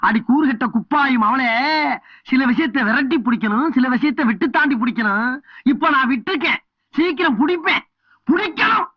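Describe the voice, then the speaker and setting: A man's voice: very high voice, animated, moderate pace, breathy edge, no room sound, exaggerated voice. A blustering village headman. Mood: bickering. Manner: quarrelsome, repeats himself. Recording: dull film soundtrack.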